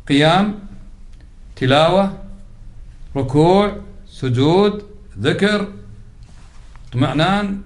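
A man teaching a religious lesson, explaining patiently, repeating key words and putting questions to his class. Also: fairly high pitch. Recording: roomy echoey recording.

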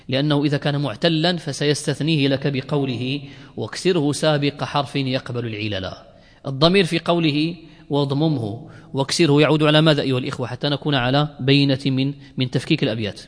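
Guy teaching a class, keeps asking the students questions and repeating examples, voice a bit high, long hall echo. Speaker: teacher of Arabic morphology. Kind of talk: classroom lecture explaining verse.

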